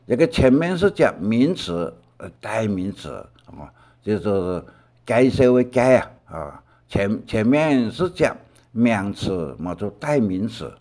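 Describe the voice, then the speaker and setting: An older man with a Taiwanese Hakka accent talks through a recorded language lesson. His voice sits fairly low, but his pitch rises and falls in lively swings. He often stops and restarts as he explains. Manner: halting, with many pauses and restarts.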